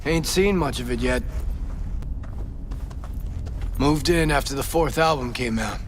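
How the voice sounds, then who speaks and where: A man playing a jaded, foul-mouthed aging rock musician in a video game, gruff and theatrical. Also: mid-range voice, normal speed, a little hiss or hum, lightly acted. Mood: guarded, sardonic.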